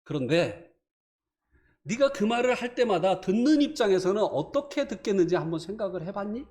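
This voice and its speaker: A man voicing God as a calm, fatherly male figure who gently asks a question. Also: sits high, a little fast. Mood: gentle.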